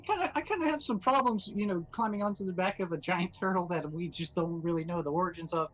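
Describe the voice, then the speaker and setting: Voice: mid-range voice, fast, a bit bright, poor audio. Flustered, stammering tabletop player. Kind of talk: casual tabletop play.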